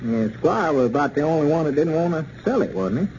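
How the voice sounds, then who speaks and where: Skeptical, mellow country storekeeper. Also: male voice, fairly high pitch, expressive, brisk. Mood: doubtful. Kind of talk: old-time radio serial acting. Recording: dull, noisy old radio recording.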